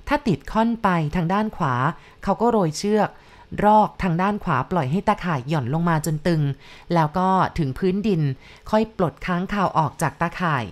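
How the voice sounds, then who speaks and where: A woman narrating a story in a calm, measured, descriptive reading voice. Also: fairly low pitch.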